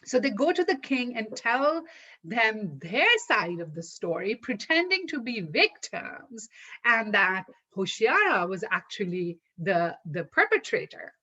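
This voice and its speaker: A woman's voice: medium pitch, sing-song, sharp tone, slightly rough. Woman telling a folktale, lo-fi. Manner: unhurried, with small restarts. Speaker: storyteller. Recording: dull lo-fi recording.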